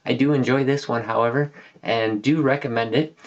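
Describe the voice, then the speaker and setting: A man's voice: medium pitch, fairly even intonation, moderate pace. A man hosting a casual whiskey review, talking in a loose, folksy, rambling way. He sounds a little tipsy, and he is short of breath from a lingering cold. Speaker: whiskey reviewer, channel host. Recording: dull lo-fi recording.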